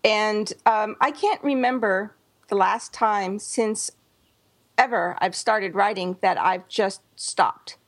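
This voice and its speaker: A woman's voice: mid-range voice, slow. A middle-aged woman hosting a podcast, talking candidly in a rambling way with restarts and fillers. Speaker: podcast host. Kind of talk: casual podcast chat.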